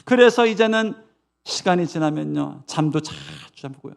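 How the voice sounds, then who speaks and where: A man's voice: fairly high pitch, animated, moderate pace, gravelly. A male pastor preaching a Sunday sermon emphatically, with repetition and rhetorical questions.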